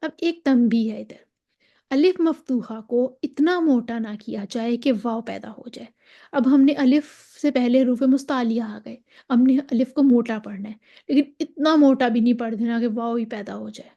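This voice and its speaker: A woman's voice: fairly high pitch, normal speed, lo-fi sound. A woman with a Pakistani Urdu accent teaching a tajweed lesson, patiently repeating and drawing out example syllables. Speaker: Quran recitation teacher.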